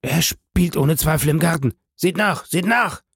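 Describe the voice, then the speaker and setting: A man's voice: mid-range voice, a little slow, creaky, darkish tone, no echo, studio quality. A man voicing a frantic, fearful male prosecutor in an audiobook reading, calling out urgently. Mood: panicked.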